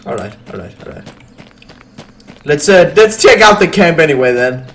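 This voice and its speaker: A young man in casual let's play commentary, swearing a lot, repeating "all right" and shouting in panic during fights. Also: on the high side, big pitch swings, moderate pace, vocal fry. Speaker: gaming YouTuber.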